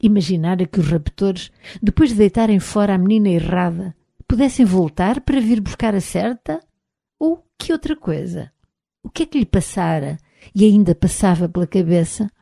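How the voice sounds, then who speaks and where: A woman with a European Portuguese accent narrating an audiobook in a measured, even reading, recorded on a close mic. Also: medium pitch, vocal fry, dry recording.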